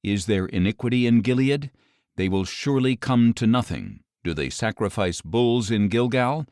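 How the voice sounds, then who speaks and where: A man narrating an audio Bible in a measured, solemn scripted reading, his lines falling at the ends. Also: mid-range voice, animated, a little mellow, no echo, clean studio sound. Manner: measured, solemn delivery with falling line endings.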